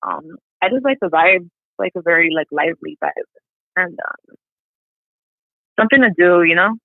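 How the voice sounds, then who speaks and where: A young woman is a guest in an interview over the phone, chatting casually and sprinkling in "like" and "you know." Her voice is lowish, animated and creaky at a normal speed, carried on a tinny, dry phone line with no room sound.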